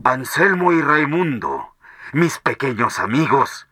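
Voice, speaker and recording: A man reading a storybook aloud as a mighty talking machine, speaking grandly and deliberately. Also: medium pitch, sing-song, pushed and bright, breathy edge, no echo, studio quality. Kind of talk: storybook narration.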